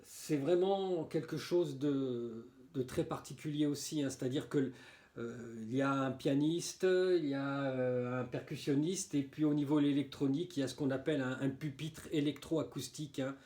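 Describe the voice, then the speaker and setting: A man's voice: mid-range voice, moderate pace, dark tone. A man casually reviewing albums from his own collection, hesitating often, repeating words and tagging his phrases with little filler words. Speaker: music collector presenting albums. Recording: roomy echoey room.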